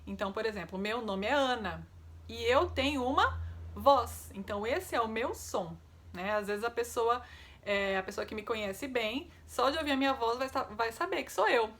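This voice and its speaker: A woman's voice: a little high, normal speed, a bit bright. A woman speech therapist, giving a patient, didactic online lesson and often checking in with tag questions.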